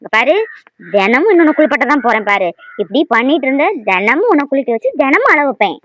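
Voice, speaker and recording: A woman voicing a bossy young mother in a cartoon who scolds and threatens in loud bursts. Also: high-pitched, big pitch swings, quick pace, exaggerated voice, poor audio. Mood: scolding.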